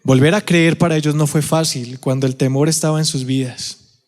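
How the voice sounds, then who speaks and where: Colombian male pastor, higher-pitched, animated sermon storytelling, long church reverb. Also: normal speed. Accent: Colombian Spanish. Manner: animated storytelling, acting out quotes, asks the congregation questions. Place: church auditorium.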